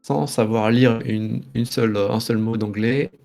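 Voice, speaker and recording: Gravelly low-voiced French man. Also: steady tone, measured pace, a little mellow. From France. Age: 30s. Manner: rambling, hesitant, reminiscing. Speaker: guest. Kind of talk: casual interview chat.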